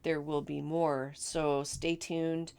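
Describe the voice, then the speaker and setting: Crafting host, woman, low and gravelly, raspy today, chatty and upbeat. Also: little pitch movement, slow pace, darkish tone. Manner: chatty, enthusiastic, with fillers and repeats. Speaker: card-making channel host. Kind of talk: casual crafting tutorial.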